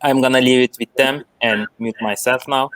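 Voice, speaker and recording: A man's voice: medium pitch, fairly even intonation, normal speed, a bit bright, a little hiss or hum, poor audio. A man hosting a session, giving a brief, plain introduction of the guests.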